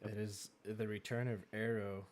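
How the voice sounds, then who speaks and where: A man with a French Canadian accent hosting a racing league draft, chatty and quick to laugh, with plenty of fillers. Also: lowish voice, level tone, a little hiss or hum. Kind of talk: live-streamed draft commentary.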